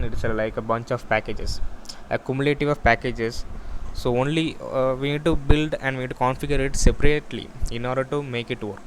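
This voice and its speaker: A student or developer with a medium-pitched voice gives an unscripted walkthrough of a technical project, explaining haltingly and often restarting or repeating phrases. The recording is low quality, with faint background noise behind him.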